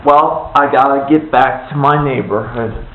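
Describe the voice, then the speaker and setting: A man playing a gentle children's show host who interviews a guest in a hesitant, stammering, halting way. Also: medium pitch, fairly even intonation, recorded from a distance. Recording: tinny, echoey, from afar, faint hiss.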